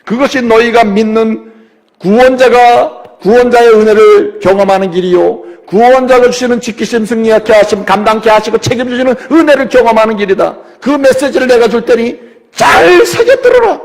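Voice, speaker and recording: A man's voice: extremely high pitch, normal speed. A male pastor preaching a sermon in a church sanctuary, emphatic, often acting out the voices of the people he quotes. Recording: long church reverb.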